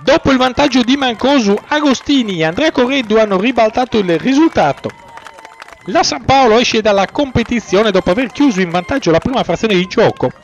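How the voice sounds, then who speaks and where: A man commentates on football. His delivery is excitable and his pitch moves around in a lively way. The audio is dull and lo-fi. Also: fairly quick, slight background noise. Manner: excitable, swells on chances and goals. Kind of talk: live sports commentary of a youth football match. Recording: dull lo-fi audio, faint music.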